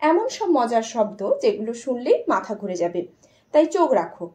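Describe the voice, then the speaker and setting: Woman, pronunciation teacher, high voice, very animated delivery, drawn-out example words. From Bengal. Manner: lively and animated, stretching out example words for emphasis. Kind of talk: explanatory lesson, addressing viewers as friends.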